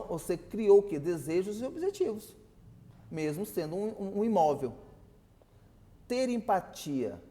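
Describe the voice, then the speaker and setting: A man's voice: a little high, a little mellow, in a large hall. A man teaching a customer service class, explaining and asking his students questions. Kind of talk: online class lecture.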